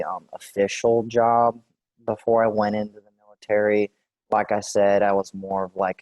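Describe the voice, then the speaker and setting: A man in his forties from Texas, answering questions in a clinical interview in a relaxed, hesitant way with many fillers. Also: lowish voice, dry recording, highs cut off. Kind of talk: role-play clinical interview.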